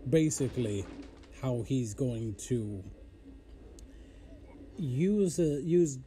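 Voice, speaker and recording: A man's voice: mid-range voice, expressive, extremely slow, warm tone, a little hiss or hum. A man hosting a casual Bible teaching show, informal and easily amused, often breaking off to apologize and laugh at himself.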